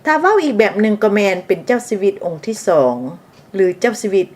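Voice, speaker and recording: A woman from Laos narrating history in a scripted, steady voice of middling pitch. She explains terms as she goes and adds side remarks for her listeners. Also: fairly quick.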